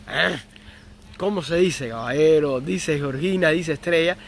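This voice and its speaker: A young man with a Cuban accent talks casually on a live stream, reading out viewer comments and replying to them. His voice sits slightly high. Faint street and car noise hums in the background. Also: measured pace, creaky. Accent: Cuban Spanish. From Cuba. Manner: chatty, reads viewer comments aloud and answers them.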